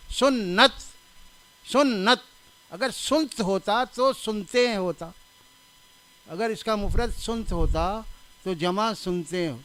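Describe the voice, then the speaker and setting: An older man delivers a sermon in a chatty, storytelling way. His voice sits high for a man and sounds smooth and resonant. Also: a bit bright. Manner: conversational, anecdotal, stresses correct pronunciation; laughs at his own anecdotes. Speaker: religious scholar giving a reform talk.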